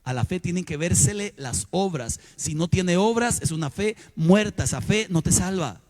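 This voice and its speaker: A middle-aged man preaches from the pulpit, his voice sitting high for a man. He tells his stories with sudden swings, calling out loudly one moment and dropping to a hush the next. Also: lively intonation, normal speed. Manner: storytelling preacher, sudden shifts from loud exclamations to hushed asides. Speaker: pastor. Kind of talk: sermon.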